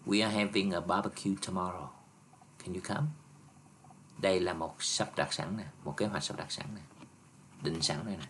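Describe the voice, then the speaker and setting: Very low-voiced male teacher. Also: fairly even intonation, normal speed, pauses often, a bit bright, slight background noise. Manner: patient, explaining step by step with frequent "nha" and "nè". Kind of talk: exam review lesson.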